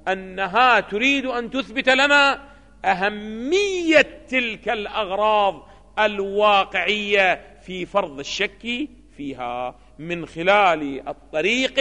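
High bright-voiced male lecturer. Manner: keeps asking rhetorical questions of students. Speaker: seminary lecturer. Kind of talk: classroom lecture. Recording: long hall reverb.

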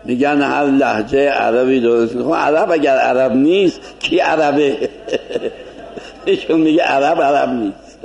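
A man's voice: medium pitch, gravelly, darkish tone. A man giving an informal lecture to a class, explaining conversationally and asking rhetorical questions.

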